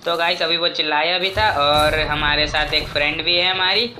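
A man giving casual, jokey gameplay commentary as a gaming YouTuber, talking excitedly to his viewers. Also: fairly high pitch, normal speed, a little hiss or hum. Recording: game music clearly behind voice.

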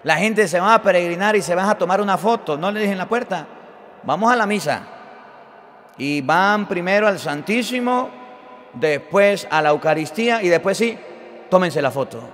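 A man preaching a sermon as a priest, emphatic, moving between loud declarations and quiet endings. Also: sits high, expressive, moderate pace. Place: church. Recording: long church reverb.

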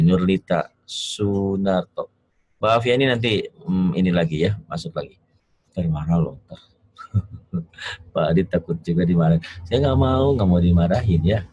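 A man teaching Quran reading in an online lesson over a video call, gentle and joking as he encourages his students. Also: lowish voice, slightly rough, poor audio.

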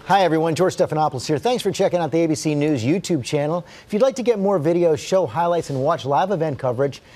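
A middle-aged man anchoring a morning news show from a studio, in a brisk, crisp manner. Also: fairly high pitch, dark tone.

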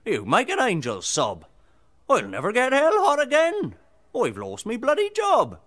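A man voicing an indignant male devil who rants in a high, strained shout. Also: wildly swooping pitch, a little slow, heavily acted. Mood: furious.

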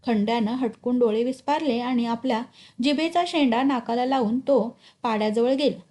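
A woman teacher reading a short story aloud in an expressive, clear way. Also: on the high side, normal speed.

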